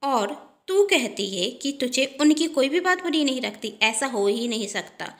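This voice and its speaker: A woman's voice: high voice, sing-song, normal speed, fairly bright tone, pitched above the performer's own voice, heavily acted. A woman voicing a scheming elder sister-in-law who gossips in a coaxing, falsely sweet tone.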